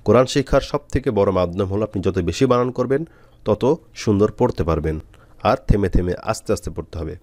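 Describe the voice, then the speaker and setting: A man teaching Quran reading, spelling out letters and syllables slowly with frequent pauses. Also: fairly low pitch, a little mellow, dry recording. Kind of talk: step-by-step spelling lesson.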